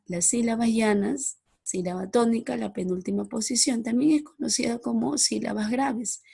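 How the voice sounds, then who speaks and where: A woman giving a recorded slide-presentation lesson, reading out rules and examples in a measured, explanatory way. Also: on the high side, fairly even intonation, vocal fry, mellow, husky. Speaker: teacher.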